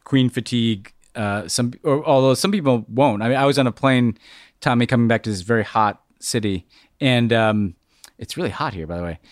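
A man hosting a podcast in casual conversation, halting and repeating words as he thinks aloud. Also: mid-range voice, no room sound, studio quality. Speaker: podcast host.

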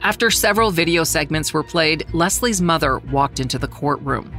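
A middle-aged journalist narrating a true-crime story in a measured, somber way, slowing down on the grave details. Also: mid-range voice, animated, pushed and bright, faint music behind. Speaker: journalist who covered the trial, narrating.

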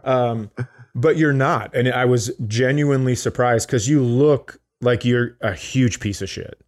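A podcast co-host speaks a little slowly in a medium-pitched voice. His talk is loose, comedic banter that is profane, teasing and prone to digressions.

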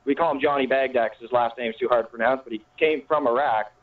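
A man's voice: medium pitch, fairly even intonation, fast. A young man calling in to a radio show, rambling casually with lots of fillers. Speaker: caller. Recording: distant tinny phone line.

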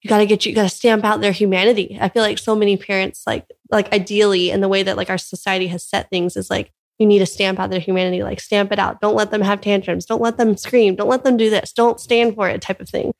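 A young mother from California speaks quickly and earnestly in a relaxed interview. Her voice sits at an ordinary middle pitch, and she fills her sentences with "like" as she thinks aloud. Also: gravelly. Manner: earnest, filler-heavy with frequent "like". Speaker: guest, mother of young children. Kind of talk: casual conversation.

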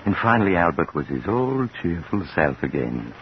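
A man's voice: low-pitched, very animated, normal speed. A man narrating a scripted suspense story as an old radio drama narrator. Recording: muffled old radio recording, faint hiss.

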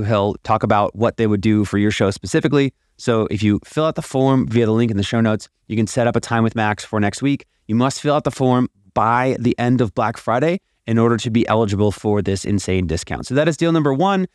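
A podcast host with a lowish, a little mellow voice speaks fast in an emphatic, scripted promo monologue about offers. He records in a house attic, and the produced podcast audio is dry.

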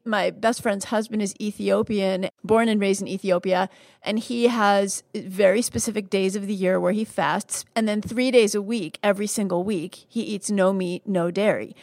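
A woman's voice: mid-range voice, fairly even intonation, normal speed, darkish tone, dry recording. Fifty-something woman, dry close mic. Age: 50s. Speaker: podcast host and physician. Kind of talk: casual conversational interview.

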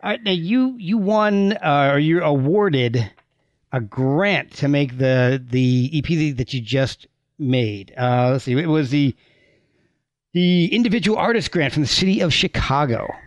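A man's voice: fairly high pitch, lively intonation, measured pace, no room sound. A man hosting a casual interview, chatty and often repeating words as he starts a sentence. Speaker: podcast host.

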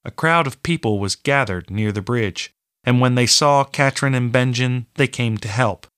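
A man narrating a fantasy audiobook in a steady, measured way. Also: mid-range voice, clean tone, no room sound, clean studio sound.

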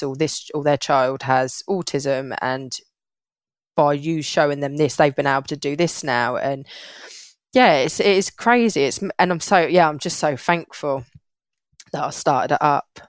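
A young woman talks as an interview guest in an earnest, chatty way, often breaking off and restarting. Her voice sits low for a woman. The sound is close and dry. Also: no echo. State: getting emotional. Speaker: podcast guest, parenting hack creator. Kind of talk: casual interview chat.

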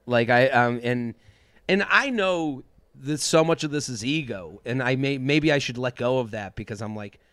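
A man talks in a rambling, self-deprecating way, stopping and restarting his thoughts. His voice sits at an ordinary pitch. The sound is dry and close. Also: normal speed, a bit bright, no room sound. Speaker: guest. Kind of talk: candid conversation.

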